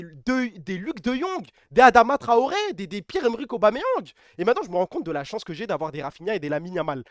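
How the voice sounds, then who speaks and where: Excitable high-voiced French streamer. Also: male voice, no echo, studio quality. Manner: excitable, emphatic, repeats himself, swears freely. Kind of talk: casual live-stream chat.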